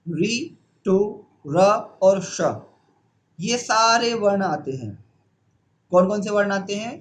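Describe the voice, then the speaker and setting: Guy teaching pronunciation, kinda high voice, asks then answers himself. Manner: slow, repeating key terms. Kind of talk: classroom-style lesson.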